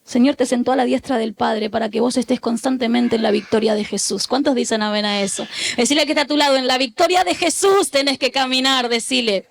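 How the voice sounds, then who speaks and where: A high-pitched woman delivers a sermon as pastor. She exhorts her congregation, repeating key lines so they echo them back. She slips into animated storytelling as she preaches. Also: fast talker, gravelly.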